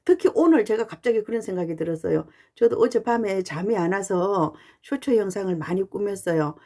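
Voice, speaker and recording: Woman vlogger, mid-pitched and mellow, chatty and earnest monologue with frequent "uh" pauses. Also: expressive. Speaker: fan channel YouTuber. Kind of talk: casual talking-head monologue.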